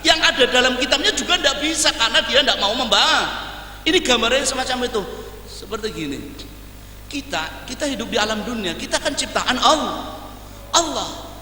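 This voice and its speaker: A man preaching a sermon in a conversational teaching style, acting out everyday scenes and mixing in Javanese and Arabic phrases. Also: high voice. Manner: animated, acts out everyday scenes. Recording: echoey hall, voice from far off, faint hum.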